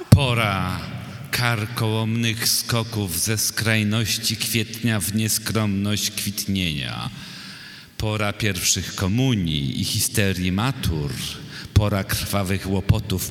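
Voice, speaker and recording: A man giving a poetry reading in slow, measured recitation, with dry asides to the audience. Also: lowish voice, fairly bright tone. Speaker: poet reading his poems. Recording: echoey hall with long reverb.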